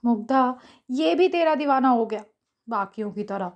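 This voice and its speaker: A woman's voice: a little high, expressive, moderate pace, highs cut off. Woman narrator doing a teasing best friend. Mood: dramatic. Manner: playful, teasing and dramatic. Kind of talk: audio story character voice.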